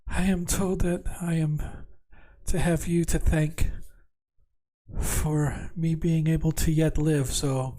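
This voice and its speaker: A man voicing an exhausted young princess who speaks softly, quietly and formally, almost whispering, in a tabletop game. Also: on the high side, level tone, moderate pace, hardly any pauses, pitched above the performer's own voice, natural voice, rough recording. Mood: weary gratitude. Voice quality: soft, quiet, breathy near-whisper. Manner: exhausted, weary.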